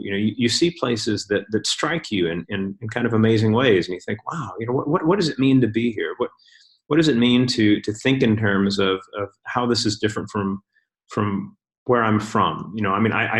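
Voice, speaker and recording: A man's voice: on the low side, creaky. A middle-aged man giving a casual slide talk to his club, rambling with many fillers and restarts.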